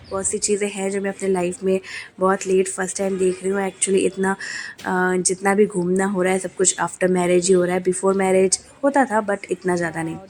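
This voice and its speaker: A woman's voice: medium pitch, a little mellow, a little hiss or hum. A young adult woman with a cold, narrating a family vlog in casual chat, with many hesitant fillers. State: coughing, has a cold. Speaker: family vlogger.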